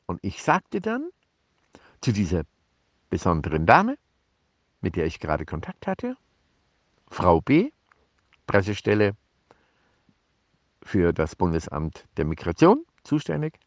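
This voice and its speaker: Man, mid-pitched, slow and halting, formal press statement, lively intonation, dry close sound. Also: no room sound. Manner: halting, formal, bureaucratic phrasing with fillers. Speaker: advocate making a press statement. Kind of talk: improvised spoken statement to the press.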